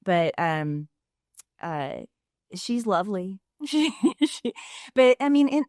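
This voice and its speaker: Woman, forties, podcast guest; smooth, lowish voice, bone-dry sound, lively chatter. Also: dry recording. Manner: chatty, laughs often, quick asides. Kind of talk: casual podcast conversation.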